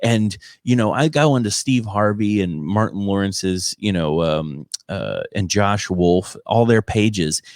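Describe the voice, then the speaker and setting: A man's voice: on the low side, measured pace, hardly any pauses, a little mellow, no room sound, studio quality. A man who works as a comedian, ranting casually in an exasperated, emphatic way and often repeating himself. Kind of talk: casual conversational rant.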